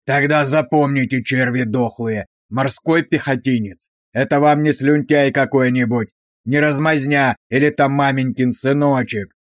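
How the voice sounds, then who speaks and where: A man voicing a brutal, abusive male drill sergeant who barks insults with slow, hammering emphasis. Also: medium pitch, fairly even intonation, no room sound, studio quality, lightly acted. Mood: bellowing.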